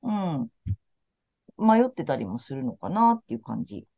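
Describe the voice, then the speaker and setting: A woman's voice: low voice, sing-song, moderate pace, gravelly, mellow. A woman tarot counselor in casual podcast chat, talking in a frank, laid-back, chatty way. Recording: slightly muffled lo-fi audio.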